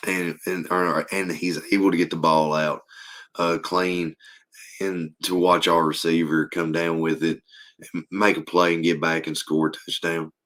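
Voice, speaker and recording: A hoarse man, his voice sitting very low. He co-hosts a casual sports talk show, reading stats haltingly with plenty of ums and uhs. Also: little pitch movement, a bit bright. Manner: halting, reads stats with many fillers. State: losing his voice. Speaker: podcast co-host.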